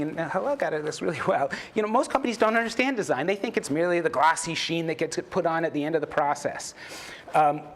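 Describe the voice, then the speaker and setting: A man's voice: a little high, slight background noise. Chatty man giving a conference talk. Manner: chatty, self-deprecating, many fillers and restarts. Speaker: conference speaker, journalist and author. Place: conference stage before an audience.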